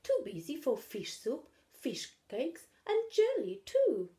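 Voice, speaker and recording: A woman's voice: sits high, huge pitch swings, takes it slowly, dark tone, pitched above the performer's own voice, full character voice. A woman voicing a patient woman who coaxes a busy child to come and eat, calling out to him. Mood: coaxing. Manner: coaxing, calling out.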